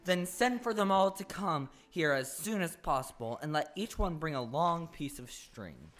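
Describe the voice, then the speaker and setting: Woman playing an earnest, low-voiced scarecrow. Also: very animated, normal speed. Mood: earnest, encouraging. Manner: emphatic, earnest, urging. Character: male scarecrow, earnest, friendly, take-charge leader. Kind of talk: stage audio play acting. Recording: live stage recording with music.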